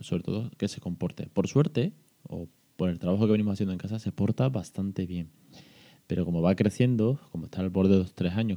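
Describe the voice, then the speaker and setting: Deep dark-voiced podcast dad. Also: male voice. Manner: chatty, frequent restarts and fillers, explains patiently. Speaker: parenting podcast host. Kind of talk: casual reflective monologue.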